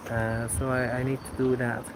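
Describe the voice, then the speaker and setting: Outdoors, a Belgian man hosts a casual livestream Q&A, answering viewers hesitantly with lots of fillers and ending sentences with "eh?". His voice is medium-pitched, level and moderately paced, and the recording is very noisy.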